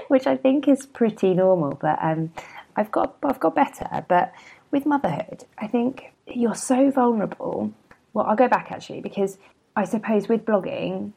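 Low-voiced woman, chatty and gravelly. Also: darkish tone. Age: 30s. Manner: chatty, self-deprecating, rambling with asides. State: a bit hungover and yawning. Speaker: podcast host and blogger. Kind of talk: casual solo podcast chat.

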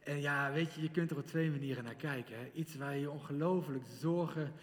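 A man's voice: a little high, brisk. Middle-aged man preaching in a reverberant hall. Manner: lively, questions the audience directly. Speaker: youth speaker. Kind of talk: interactive sermon to teenagers. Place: large hall with audience.

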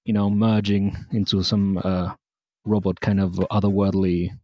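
A man from Argentina, a musician guest on a podcast, speaking softly with many pauses. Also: low-pitched, flat delivery, dry recording, highs cut off. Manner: soft-spoken, frequent uh fillers. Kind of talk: casual interview.

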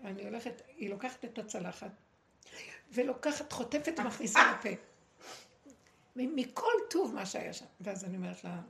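A woman giving a dramatic, preachy spiritual talk to a group, with pointed pauses. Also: mid-range voice, expressive, gravelly. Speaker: spiritual teacher. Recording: echoey room, faint noise.

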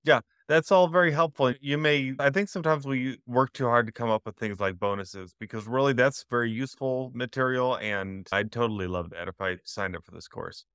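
A man's voice: mid-range voice, a little fast, few pauses, a bit bright, clear, resonant tone, no room sound, clean studio sound. A man hosting an interview over a video call, reacting with upbeat enthusiasm. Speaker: host. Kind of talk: casual interview chat.

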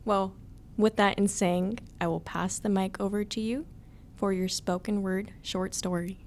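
A woman's voice: mid-range voice, fairly even intonation, measured pace, darkish tone, a little hiss or hum. A woman hosts a podcast interview segment, speaking politely and formally with an ordinary mid-range voice. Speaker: host.

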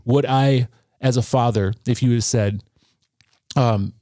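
A man in his thirties, appearing as a podcast guest, tells a personal story earnestly but haltingly, restarting often. His voice is medium-pitched and warm, recorded at studio quality with no room sound.

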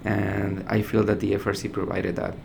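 A man introducing himself in a sincere, measured way. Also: on the low side, monotone, vocal fry, darkish tone, slight background noise. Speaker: resilience navigator. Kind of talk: personal introduction.

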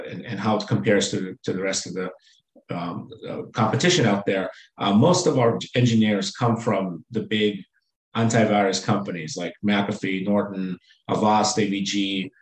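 A man with a fairly low voice talks through his company's work in an interview. He hesitates a lot, with fillers and restarts. The sound carries a noticeable room echo. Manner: halting, many fillers and restarts. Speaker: company executive guest. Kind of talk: business interview.

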